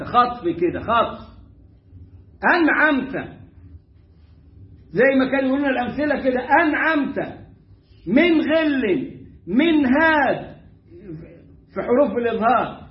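A man with an Egyptian accent teaching Quran recitation, repeating words slowly to show how they are pronounced. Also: very high voice, echoey room, dull audio. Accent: Egyptian Arabic. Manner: demonstrates pronunciation by repeating words slowly, animated and emphatic. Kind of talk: Egyptian colloquial tajweed lesson.

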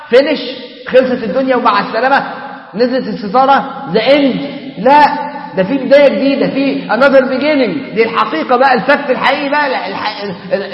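A middle-aged man with an Egyptian Arabic accent preaching an animated, colloquial sermon in a mosque, full of rhetorical questions and asides. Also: very high-pitched. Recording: echoey hall, dull lo-fi sound.

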